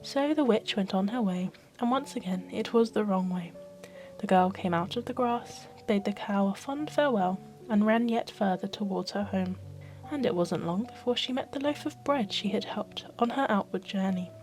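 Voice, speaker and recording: Soft asmr lady telling a bedtime fairy tale, expressive, quiet music behind her. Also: mid-range voice, normal speed. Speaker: storyteller.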